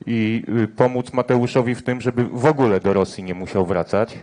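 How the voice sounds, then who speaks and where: A man's voice: medium pitch, fairly quick, darkish tone. A male sports journalist asking persistent follow-up questions at a press conference.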